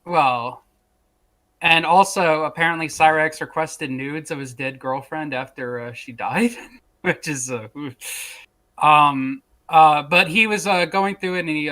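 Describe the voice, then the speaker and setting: A man's voice: a little high, bright, forceful tone. A man co-hosting a casual stream chat, hesitant with many fillers and some dry teasing. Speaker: co-host.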